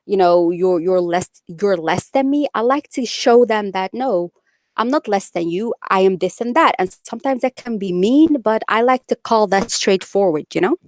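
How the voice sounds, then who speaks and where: Her voice is medium-pitched with lively intonation at a normal speed, recorded without echo. This young Dutch-accented woman from the Netherlands chats on a live stream, reading viewers' comments aloud, and she's blunt and outspoken, never sugarcoating.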